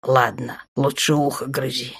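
A woman voicing a smug, teasing dark male lord in an audiobook, speaking low and soft, often near a whisper. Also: flat delivery, unhurried, vocal fry, breathy edge, heavily acted.

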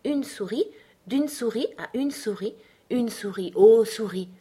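A woman's voice: a little high, animated, a little slow, warm tone, breathy edge, exaggerated voice. A woman voicing a curious, polite little girl who talks eagerly to please. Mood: wondering.

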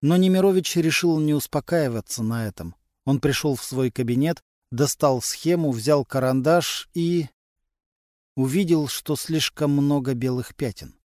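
A man narrating a crime novel as an audiobook, in an even, unhurried storytelling manner. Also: on the high side, no echo, studio quality. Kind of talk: scripted narration.

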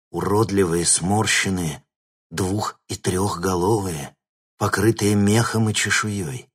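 Deep husky male audiobook narrator. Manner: steady storytelling. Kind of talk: scripted narration.

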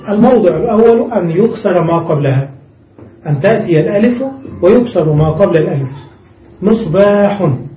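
Male teacher, high voice, slow example drills; far from the mic in an echoey room. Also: muffled recording, slight background noise. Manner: explains step by step, reads from a text and repeats examples slowly. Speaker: Arabic grammar teacher. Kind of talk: classroom grammar lesson.

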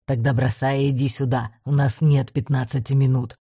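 A woman reading an audiobook, voicing a gruff male commander who barks curt orders in a lowered, louder voice. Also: flat delivery, normal speed, dry recording, studio quality, exaggerated voice. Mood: barking orders.

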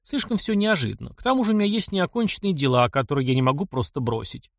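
A man's voice: a little high, animated, fast, no echo, clean studio sound. A man voicing a practical young mechanic in an audiobook, blunt, wry and stubborn. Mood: measured. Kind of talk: audiobook character reading.

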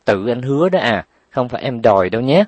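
In a sing-song, mid-range voice with no room sound, a man plays a bratty, whiny little girl. She complains and fires back quick, sassy retorts.

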